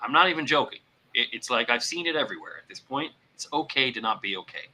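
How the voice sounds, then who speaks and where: An earnest male podcast co-host talks casually about mental health in a very bright, forward voice of medium pitch, speaking fast with lively intonation. He often repeats words while gathering his thoughts and sometimes acts out examples in a put-on voice. The recording quality is low.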